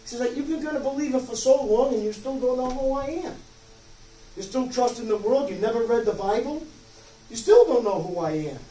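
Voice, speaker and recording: Fairly quick and expressive, the very high, dark-toned voice belongs to a pastor in his sixties preaching at the pulpit. He drives his points home with rhetorical questions and repeated "okay?" and "you see?" check-ins, heard through a distant, echoey mic amid some background noise.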